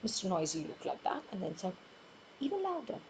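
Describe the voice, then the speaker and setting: A woman telling a children's story, expressive and full of sound effects. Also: medium pitch, fairly quick, very noisy.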